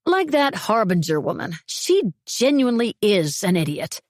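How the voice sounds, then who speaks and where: A woman's voice: mid-range voice, very animated, normal speed, darkish tone, no echo, clean studio sound, voice pushed up, lightly acted. A woman voicing a brash, outspoken, overloud woman who talks bluntly and derisively.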